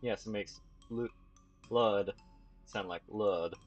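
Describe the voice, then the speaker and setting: A man voicing a creepy, grinning male innkeeper with a lisp who stresses words oddly, in a low, husky voice. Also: slow, highs cut off, faint music behind. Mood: creepy cheerful. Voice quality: lisp, odd emphasis on words.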